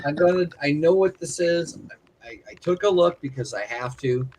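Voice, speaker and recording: A man co-hosting a casual livestream, speaking a bit higher than most men. He rambles and restarts his sentences between shout-outs. A faint hiss sits under his computer mic. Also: normal speed. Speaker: livestream co-host.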